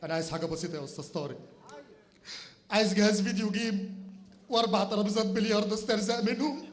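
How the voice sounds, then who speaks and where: A man as an earnest, dim rustic contestant; high voice, very quick delivery. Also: lightly acted. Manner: slow-witted, earnest answers. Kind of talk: live stage comedy sketch.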